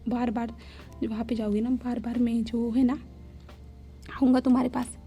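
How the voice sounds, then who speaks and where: A woman's voice: fairly high pitch, flat delivery, normal speed, warm tone, faint music behind, lightly acted. A woman voicing an insistent young husband in a retold fanfiction story, speaking plainly in a bossy tone. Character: young man, impatient stubborn husband.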